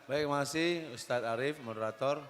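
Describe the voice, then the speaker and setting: A man's voice: medium pitch, brisk, a little hiss or hum. Joking middle-aged male guest, echoing hall. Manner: relaxed, joking, rambling. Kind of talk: casual talk show conversation. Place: mosque hall. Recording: long hall reverb.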